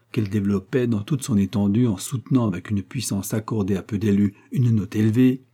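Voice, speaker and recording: A man reading a classic novel aloud in measured scripted narration. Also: on the low side, mellow, slightly rough. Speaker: audiobook reader.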